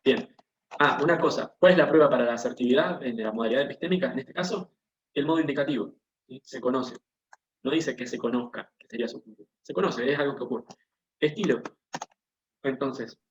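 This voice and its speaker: A man's voice: mid-range voice, fairly quick, slight background noise. A man teaching an online class, explaining step by step and often checking in with the students. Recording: echoey, dull lo-fi video-call audio.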